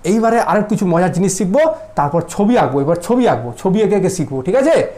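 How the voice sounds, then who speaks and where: A man's voice: high-pitched, animated, fast talker, warm tone. Teasing casual math teacher, man. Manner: teasing, asks students constant check questions. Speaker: mathematics teacher. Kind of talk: casual classroom lecture.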